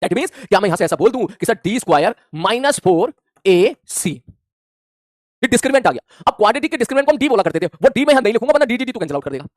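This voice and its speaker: A male physics teacher speaking fast. His voice swings up and down a lot. It sounds dry and close, no room echo, and he acts out student replies as he explains. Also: sits high. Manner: animated, plays out imagined student replies. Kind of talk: classroom lecture.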